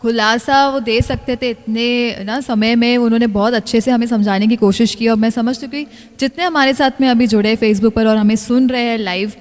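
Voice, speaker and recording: A woman's voice: on the high side, steady tone, normal speed, hardly any pauses. A woman hosting a livestreamed church session, thanking the pastor in long, earnest sentences. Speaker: program host. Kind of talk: closing remarks on a livestream. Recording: long hall reverb.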